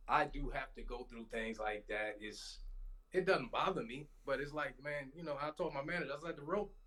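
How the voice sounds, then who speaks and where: A man's voice: mid-range voice, brisk, a bit bright, low-quality recording. A man talking emphatically in a casual interview, often addressing the other man as "man". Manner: emphatic, says "man" a lot. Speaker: interview guest. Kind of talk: casual conversation.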